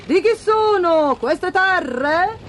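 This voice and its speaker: Woman doing a slow stately king. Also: very high-pitched, animated, a bit bright, a little hiss or hum, pitched above the performer's own voice, heavily acted. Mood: curious. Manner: slow, grand, measured. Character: stately curious old king.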